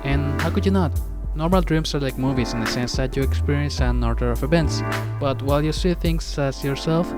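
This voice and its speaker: A young man narrating a scripted personal monologue with wry, dry asides. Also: a little high. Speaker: video narrator. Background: background music.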